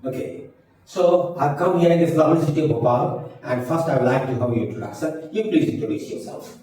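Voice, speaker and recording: A man's voice: on the high side, very slow, dark tone. A man, teaching a spoken-English class. He explains patiently, drills words and mixes English with Hindi. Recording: very echoey room, mic far off.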